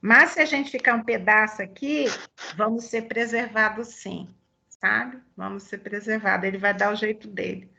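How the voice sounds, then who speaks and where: A woman's voice: mid-range voice, fairly even intonation, normal speed, gravelly, sharp tone. A woman with a Brazilian Portuguese accent leading a Bible study, chatty and fervent, sharing personal testimony in a conversational way. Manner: chatty, fervent, peppers talk with "sabe?". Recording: dull lo-fi recording.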